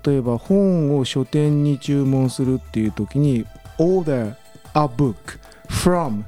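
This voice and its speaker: A man lecturing on business in a radio talk, relaxed and full of fillers, slowing down to sound out examples. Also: mid-range voice, soft background music. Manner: relaxed, many fillers, slow careful English examples. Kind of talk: radio lesson chat.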